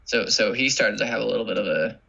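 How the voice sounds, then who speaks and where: A young man in casual chat whose voice is bright and gravelly, with plenty of vocal fry. He rambles through his stories with restarts and laughter, on a muffled lo-fi recording. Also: fairly low pitch, fast talker.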